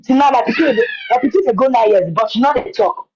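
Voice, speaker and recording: A woman's voice: fairly high pitch, animated, fast, dull audio, noisy background. A woman with a Nigerian accent tells her own story in Nigerian Pidgin, repeating words for emphasis. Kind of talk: personal account in conversation.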